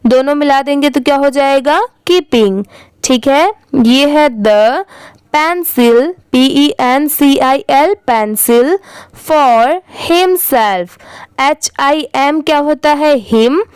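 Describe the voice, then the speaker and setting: High-voiced woman teaching English slowly. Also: no echo, poor audio. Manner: spells words letter by letter, then says them slowly. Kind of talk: slow spelling-out reading lesson.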